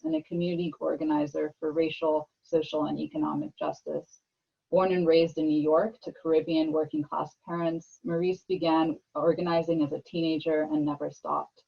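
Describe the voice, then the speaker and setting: A host with a fry-laden, rough-edged voice introduces panelists in a formal, read-aloud way, with small stumbles here and there. The sound is a slightly muffled video-call feed. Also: mid-range voice. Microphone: video call microphone.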